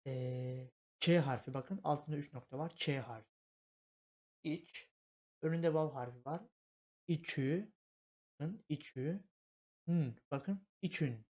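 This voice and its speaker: A man's voice: on the high side, takes it slowly, long pauses, darkish tone. Patient man teaching letter by letter. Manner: patient, repetitive, step-by-step explanation. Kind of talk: spelling out letters in a language lesson. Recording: dull lo-fi home recording.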